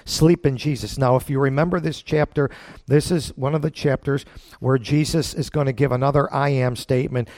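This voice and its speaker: A man preaching a Bible-teaching sermon in a folksy, plain-spoken way, emphatic, with deliberate pauses and rhetorical questions. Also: medium pitch, a little mellow, dry recording.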